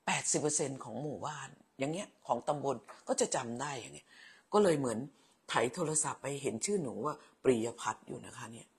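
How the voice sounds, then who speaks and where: ผู้หญิงวัยกลางคนเสียงแหบ คุยไลฟ์สดแบบเป็นกันเอง. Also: female voice, rumbling low, lively intonation, fast, a little mellow, slightly rough. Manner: chatty, motherly, teasing, repeats words. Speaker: livestream host, former teacher. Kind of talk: casual live chat reading viewer comments.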